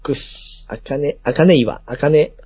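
こもった音の、かすれ気味な関西の男性. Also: male voice, a little high, a little slow, mellow, husky. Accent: Kansai. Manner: polite junior partner, frequent short agreeing replies. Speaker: talk show co-host. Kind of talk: casual chat. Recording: dull, dry lo-fi recording.

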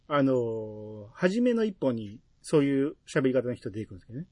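A man's voice: medium pitch, a little fast, no echo. A man with a Kansai accent, hosting a casual podcast chat and reading listener mail aloud. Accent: Kansai Japanese. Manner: relaxed, musing, reads listener mail. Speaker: podcast host.

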